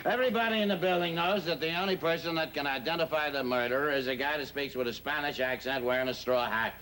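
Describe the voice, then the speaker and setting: An actor playing a brisk, bossy, wisecracking detective school teacher in a sitcom. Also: male voice, a little high, sharp tone, slight background noise, low-quality recording. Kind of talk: sitcom acting before studio audience. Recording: studio audience laughter.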